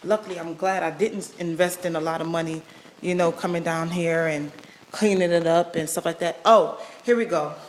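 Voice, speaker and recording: A woman walks through her salon building's basement with a handheld camera, talking in a chatty, exasperated way. Her voice sits fairly low. A faint hum of room noise runs under her words. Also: fairly even intonation, moderate pace. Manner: chatty, exasperated, laughs wryly. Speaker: salon owner showing her space. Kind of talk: casual walkthrough vlog.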